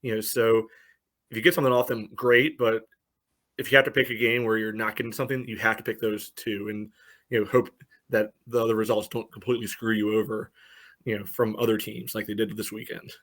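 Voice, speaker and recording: A male co-host of a sports podcast and soccer pundit analyzes the game conversationally in a fairly low, level, slightly bright voice at a fairly quick pace. His speech is packed with filler, especially a constant "you know," and he has a dry, sarcastic streak.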